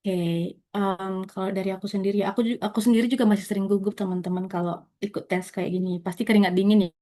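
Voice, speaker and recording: A woman's voice: mid-range voice, steady tone, quick pace, mellow. Chatty young woman answering webinar questions. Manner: friendly, chatty, addresses students as friends. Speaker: webinar speaker. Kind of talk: casual Indonesian Q&A advice. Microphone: video call.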